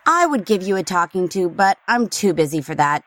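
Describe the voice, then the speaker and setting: A woman's voice: lowish voice, big pitch swings, normal speed, fairly bright tone, no echo. A woman voicing a busy, harried mother who sounds dry and exasperated in a recorded English-lesson dialogue.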